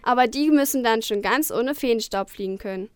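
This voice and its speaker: A tiny fairy girl, as a woman reading a storybook puts her on chatters in a very high, clean, smooth voice. She is bossy and indignant and quick to sulk. The sound is close and dry. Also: dry recording, close to an everyday voice. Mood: explaining.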